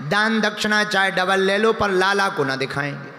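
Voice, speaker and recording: A man's voice: high voice, normal speed, gravelly, sharp tone, a little hiss or hum, heavily acted. A man doing a stubborn village mother. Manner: firm, then soothing and fretful. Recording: echoey hall with music.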